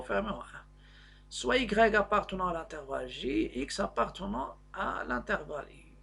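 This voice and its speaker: Man, maths teacher, high-set voice, gravelly fry, halting step-by-step explanation. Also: a bit bright. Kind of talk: explaining a worked maths lesson.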